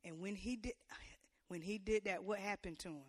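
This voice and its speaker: In a studio-quality, dry recording, a woman preacher gives a sermon with call-and-response and playful remarks to the congregation, swelling into loud, emphatic peaks. Her mid-range voice carries a breathy edge and moves at normal speed.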